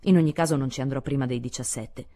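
A woman reading aloud and voicing a polite, shy fifteen-year-old boy who talks in a reserved, soft way. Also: very deep voice, quick pace. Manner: polite, reserved, softly spoken.

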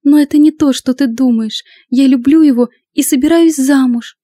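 A woman doing a high, pleading young woman. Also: normal speed, dark tone, no room sound, lightly acted. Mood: insistent. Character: young excitable pleading woman, tiny, tearful.

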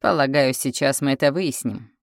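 A man's voice: medium pitch, normal speed, creaky, dry recording, studio quality, natural voice. A woman doing a cool, persuasive male leader. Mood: cool, firm. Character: calm, scheming male leader pressing for talks.

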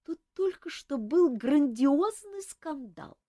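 A woman voicing a lazy, gossipy court lady who drawls in a high voice. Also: animated, takes it slowly, dark tone, no room sound, studio quality.

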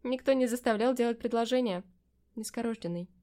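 A sly, all-powerful witch, put on by a woman reading a storybook, raised a little higher and louder than the narration around her. She coaxes and teases, and sounds mock-surprised whenever she is challenged. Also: fairly quick, lightly acted. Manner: coaxing and teasing, mock-surprised. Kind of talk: audiobook character voicing.

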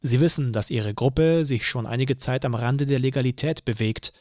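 A man voicing a calm, smug male police officer in an audiobook, lecturing in a measured way. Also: medium pitch, no room sound, clean studio sound, natural voice.

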